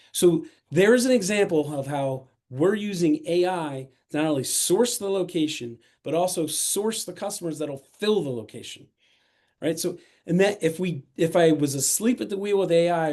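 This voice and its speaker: Brief: middle-aged man, eager interview guest, voice sits a bit high, quick restarts. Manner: energetic, enthusiastic, restarts sentences. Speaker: podcast guest, self-storage investor. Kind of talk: casual interview talk.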